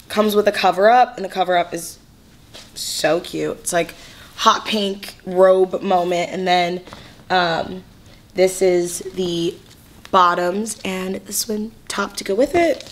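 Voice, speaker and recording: A young woman from California talks through a casual haul vlog in a bubbly, chatty, slang-filled way. Her voice sits at an ordinary middle pitch for a woman, and she rattles along in quick bursts, then slows to linger on a word. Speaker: fashion vlogger.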